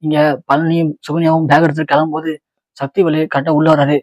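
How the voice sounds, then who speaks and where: Man retelling a TV serial, flat voice. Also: on the high side, fast talker, dry recording, highs cut off. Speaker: serial episode narrator. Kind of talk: retelling a TV episode.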